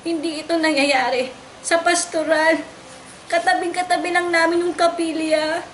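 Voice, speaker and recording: A young woman giving an emotional, distressed testimony, polite and halting, often repeating herself. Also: very high-pitched, level tone, slight background noise. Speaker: wife recounting a raid on her home.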